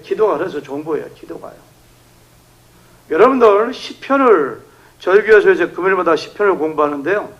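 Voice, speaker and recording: A man's voice: sits high, a little fast, muffled recording. A male pastor preaching an emphatic revival sermon in a church, leading the congregation in reading. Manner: emphatic, animated, acting out shouted prayers. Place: church sanctuary.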